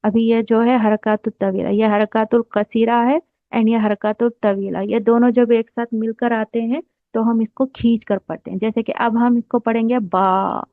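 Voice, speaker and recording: A woman with a slightly high voice gives a slow, patient lesson, repeating each term as she writes it out. The sound is dry and tinny, like it came through a phone. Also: level tone, no room sound. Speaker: Arabic teacher.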